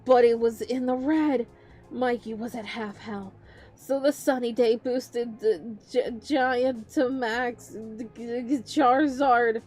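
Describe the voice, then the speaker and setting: High-voiced chatty woman VTuber. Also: faint music behind. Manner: rambling and playful, with quick excited tangents. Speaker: VTuber streamer. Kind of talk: casual livestream chat.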